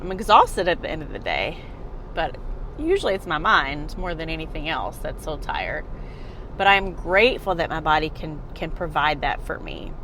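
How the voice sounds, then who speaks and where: A woman's voice: low-pitched, fairly bright tone, a little hiss or hum. A woman in her forties, a fitness vlogger and mom, talking earnestly and directly to the viewer. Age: 40s. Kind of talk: casual motivational talk to camera.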